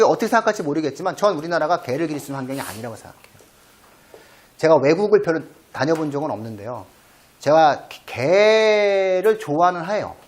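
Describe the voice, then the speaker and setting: A middle-aged man hosting an education channel, talking casually and acting out his own lines with gusto. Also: on the high side. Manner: lively storyteller, acts out his own lines to cats. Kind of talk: casual explanatory talk.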